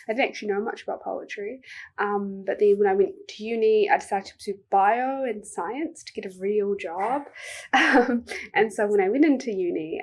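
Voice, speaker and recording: Soft-spoken young New Zealand woman, gravelly husky voice. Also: mid-range voice. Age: young adult. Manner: soft, reflective, many filler ums. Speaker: poet. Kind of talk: interview answers.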